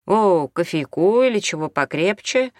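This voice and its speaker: A man's voice: fairly high pitch, lively intonation, a little slow, no room sound, studio quality. A man doing a brash, bossy drinking doctor. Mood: offhand. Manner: jokey, bossy, offhand. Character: brash, hard-drinking male doctor, middle-aged. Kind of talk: audiobook character reading.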